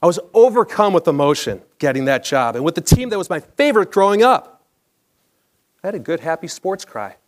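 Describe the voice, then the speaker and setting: A middle-aged Chicago-area American stands on a theatre stage and reads a scripted personal story to a live crowd, his delivery that of a seasoned broadcaster. His voice sits high, sing-song and brisk. A clip-on lapel mic records him.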